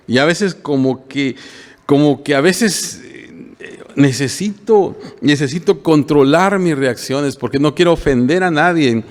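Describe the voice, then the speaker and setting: A man's voice: a little high, big-room sound. An older male pastor preaching a homely, conversational sermon to his congregation and often checking in with them. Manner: homely, plain-spoken, often asks the congregation "¿verdad?".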